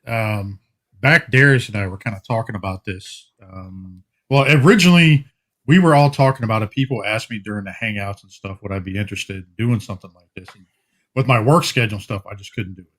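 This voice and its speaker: A man co-hosting a podcast, telling how the show started in a rambling casual way, full of fillers and quick laughs. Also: lowish voice, fairly bright tone. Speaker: podcast co-host. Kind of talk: casual chat.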